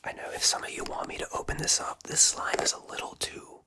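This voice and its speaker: The voice is a breathy whisper with no voiced tone, kept close to the microphone. It talks to viewers in a fast aggressive ASMR manner, casual and rambling, like an ASMR host chatting between triggers. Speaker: ASMR content creator, host. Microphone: close sensitive ASMR microphone.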